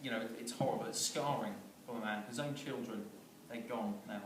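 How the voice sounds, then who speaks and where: A man's voice: medium pitch, fairly quick. Man spinning a rambling comic tale. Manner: rambling, chuckling, with many fillers and restarts. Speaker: storyteller. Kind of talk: comic improvised storytelling. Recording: echoey room, far from mic, noisy.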